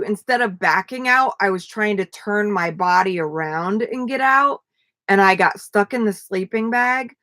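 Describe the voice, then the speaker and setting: A woman's voice: medium pitch, no echo. A tired young woman chatting casually to viewers on a live stream, rambling with many fillers. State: tired, yawning.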